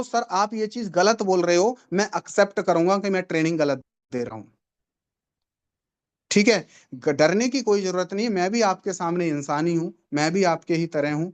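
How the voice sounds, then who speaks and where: A man leads a live online training session, selling hard and persuading. He repeats his key lines for emphasis and keeps turning to the audience with questions. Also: sits high. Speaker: network marketing trainer.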